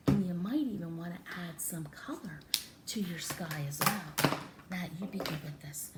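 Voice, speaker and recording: During a children's story time with a craft demonstration, a woman with a slightly high voice teaches and tells stories to small children. She talks in an exaggerated sing-song way, using coaxing questions and repetition, with background noise present.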